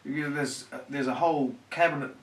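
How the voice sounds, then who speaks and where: A man's voice: mid-range voice, steady tone, a little fast. Man, 40s, joking husband in a casual home Q&A, recorded on a distant, roomy camera mic. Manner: joking, dry and self-deprecating. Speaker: guest husband. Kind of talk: casual Q&A chat. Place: indoors at home on a couch.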